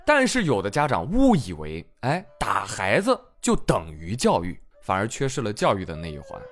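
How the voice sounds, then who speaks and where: Playful man with lively up-and-down voice. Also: on the low side, normal speed, soft background music. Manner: playful, teasing, laughs often. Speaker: host. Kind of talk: casual storytelling, reading listener comments.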